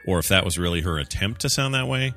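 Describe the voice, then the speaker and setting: Bright-voiced joking male podcast host. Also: low-pitched, lively intonation, soft background music. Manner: joking, quick banter, reads trivia aloud. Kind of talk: casual chat.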